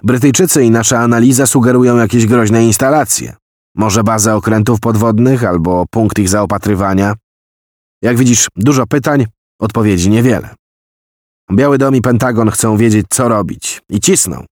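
A man's voice: on the low side, normal speed, darkish tone, no echo, studio quality, natural voice. A man voicing an agitated American general who heads an intelligence office, given to long declamatory tirades. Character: blustering American general, spy chief.

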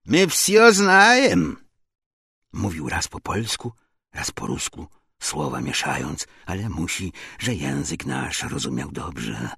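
A man's voice: a bass voice, expressive, a little slow, creaky, fairly bright tone, breathy edge, no room sound, studio quality. A man narrating a first-person story in folksy, old-fashioned rustic speech, often turning to address the listener directly.

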